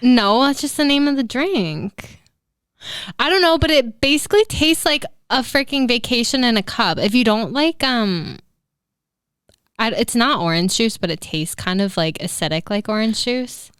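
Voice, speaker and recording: A woman's voice: on the high side, animated, normal speed, fairly bright tone, smooth, no echo, studio quality. A young woman co-hosting a podcast in casual chat, telling stories in a bubbly, self-deprecating way. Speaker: podcast co-host.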